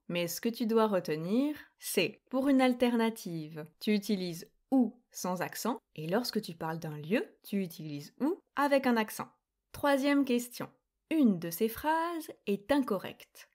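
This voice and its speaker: A young woman presenting a scripted grammar quiz lesson, explaining slowly, clearly and deliberately. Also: medium pitch, darkish tone. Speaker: French grammar teacher.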